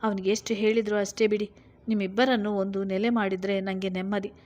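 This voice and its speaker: A worn-out middle-aged mother, bitter and resigned after years of abuse, voiced by a woman reading the tale. Her voice is ordinary in pitch, tired and sharp-edged, in a spoken storybook. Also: little pitch movement, brisk, lightly acted.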